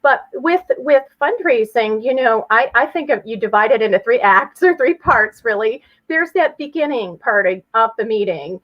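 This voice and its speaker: As an interview guest, a woman explains things in a chatty, conversational way, using everyday hypothetical examples. Her voice sits on the high side with lively intonation, and she talks at a normal speed with hardly any pauses. The audio is slightly dull and lo-fi.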